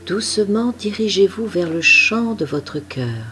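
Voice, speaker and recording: A woman leading a guided meditation, giving soft, calm instructions. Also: medium pitch, unhurried, slight background noise.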